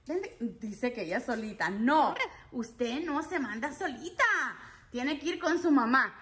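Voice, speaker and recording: A woman's voice: on the high side, lively intonation, unhurried. A woman chatting casually with her pet parrots, coaxing them in affectionate baby talk. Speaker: parrot owner and channel host. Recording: echoey room with clear background noise.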